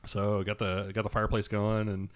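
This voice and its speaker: A man co-hosting a podcast in casual chat, telling stories in a rambling, halting way and laughing a lot. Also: on the low side, monotone, clear, resonant tone. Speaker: podcast co-host.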